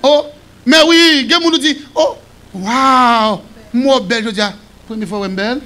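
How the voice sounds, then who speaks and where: A man with a Haitian accent preaching a sermon as pastor, shouting and singing some phrases. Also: extremely high pitch, measured pace, a little hiss or hum. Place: church.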